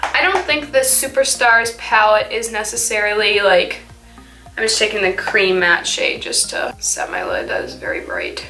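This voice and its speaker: A teenage beauty vlogger chats casually through her makeup routine, saying "like" a lot and trailing off mid-thought. Her medium-pitched voice is very animated, pushed, and bright at a normal speed. The room is echoey, with faint music in the background.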